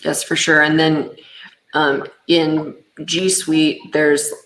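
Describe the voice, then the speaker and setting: A woman's voice: low voice, flat delivery, slow pace, a bit bright, slight background noise. A woman hosting a casual business webinar, talking conversationally with fillers like um and you know. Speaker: webinar host and business owner. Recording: echoey room sound.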